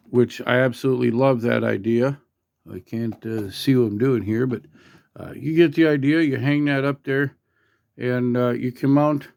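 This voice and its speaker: Here a man walks through a gear demo off the cuff, his medium-pitched voice leaning a bit dark. He's an amateur enthusiast, folksy and halting, and he keeps pausing to check in with his audience.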